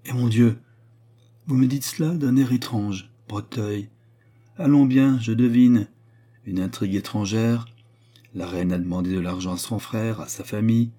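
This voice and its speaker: A man's voice: fairly low pitch, unhurried, dark tone, pitched above the performer's own voice. A man reading an agitated, imperious king. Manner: troubled, rising to royal command. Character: agitated anxious king of France. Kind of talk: audiobook character reading.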